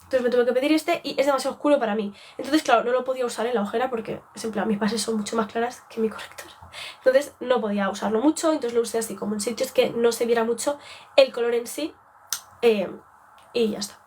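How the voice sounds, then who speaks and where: A woman's voice: fairly high pitch, quick pace, darkish tone, a little hiss or hum. A young woman from Spain with a Spanish accent, chatting casually on a live beauty stream and rambling off track. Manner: rambling, chatty, self-interrupting.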